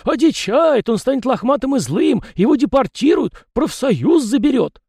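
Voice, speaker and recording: A man's voice: very high voice, big pitch swings, fairly quick, creaky, darkish tone, breathy edge, no room sound, studio quality, voice pushed up, exaggerated voice. A man voicing a fussy, garrulous male household spirit who talks in rustic folksy speech. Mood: wailing.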